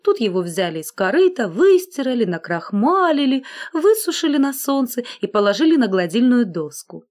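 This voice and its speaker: A woman narrating a fairy tale in a scripted, storytelling way. Her voice sits a little high and moves through a lively, animated range. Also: normal speed, hardly any pauses. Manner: expressive storytelling.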